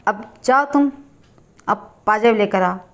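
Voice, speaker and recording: A woman's voice: mid-range voice, slow. Woman voicing a stern, impatient father. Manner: curt, impatient commands. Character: stern middle-aged father scolding his son.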